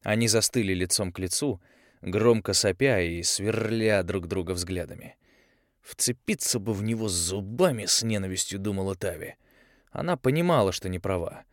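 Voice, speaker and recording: A man narrating an audiobook in an expressive, measured storytelling manner. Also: low-pitched, dry recording, clean studio sound. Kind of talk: scripted narration.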